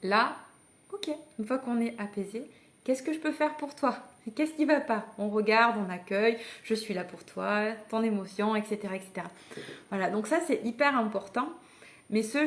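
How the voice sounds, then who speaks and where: A woman parenting coach giving a live masterclass, talking conversationally and encouragingly to her listeners, with frequent hesitations and restarts. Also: mid-range voice. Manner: addresses the listeners directly and invites them to act. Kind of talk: live online masterclass talk.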